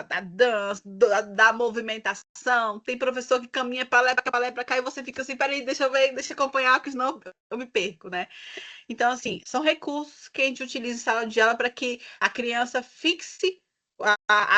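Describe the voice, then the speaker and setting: A Brazilian woman leading a teacher training session, speaking expressively and stretching words for emphasis. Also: a little high. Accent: Brazilian Portuguese. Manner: lively, expressive, drawn-out emphasis.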